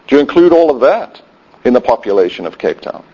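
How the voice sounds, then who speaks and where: A man's voice: medium pitch, sing-song, brisk, mellow, slightly rough. A man preaching a sermon in a conversational way with wry asides. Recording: dull lo-fi sound.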